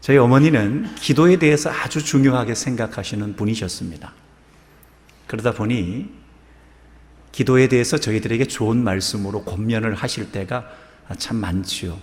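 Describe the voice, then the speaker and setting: A male pastor preaching a sermon and telling a story slowly and deliberately. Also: mid-range voice, a little mellow. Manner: slow, measured storytelling. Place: church sanctuary. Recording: long church reverb.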